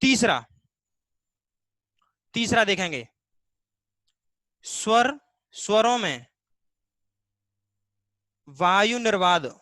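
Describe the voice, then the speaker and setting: A man's voice: high-pitched, lively intonation, extremely slow, pauses often, sharp tone, dry recording. A man teaching a live online Hindi class, explaining step by step, voicing students' questions himself and stretching vowel sounds to demonstrate them.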